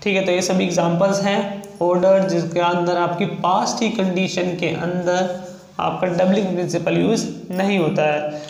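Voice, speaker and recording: A man with a Hindi accent teaching shorthand, pitched fairly high with a gravelly edge. He draws out each example word, then repeats it. The recording sounds echoey. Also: fairly even intonation, moderate pace, a little mellow. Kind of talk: slow explanatory lesson.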